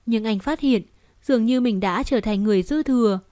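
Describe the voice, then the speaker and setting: A woman's voice: fairly high pitch, brisk, dark tone, dry recording, studio quality. Woman narrating a dramatic story. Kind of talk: scripted narration.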